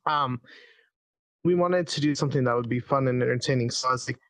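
Brief: young man in his twenties, dry close sound, quick earnest storyteller, mid-pitched. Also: a bit bright, no room sound. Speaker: guest, event creator. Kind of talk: casual storytelling.

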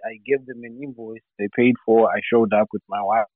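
A man's voice: lowish voice, steady tone, a little fast, no echo. A man from Zimbabwe, a comedian, calling in over the phone, talking casually with hesitant, stammering restarts. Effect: heard over the phone. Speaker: comedian phoning in. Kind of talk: casual call-in chat. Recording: tinny phone line.

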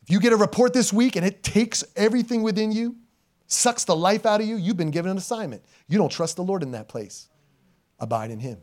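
A middle-aged male pastor preaching a sermon in church, moving from loud, emphatic exhortation to quiet, intimate asides, with informal slang. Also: sits high, animated, brisk. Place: church sanctuary. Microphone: live stream church mic.

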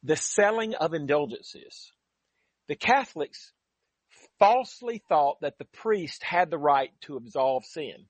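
A man's voice: a little high, lively intonation, measured pace, no room sound. A man teaching the Bible on a call-in radio program, earnest and emphatic as he reads and explains scripture.

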